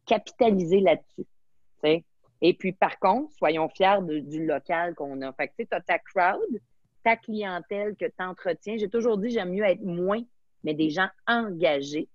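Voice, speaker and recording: A woman's voice: lowish voice, normal speed, no echo, dull audio. A woman from Quebec with a Québécois French accent, speaking enthusiastically as a guest in a webinar interview and mixing in English words.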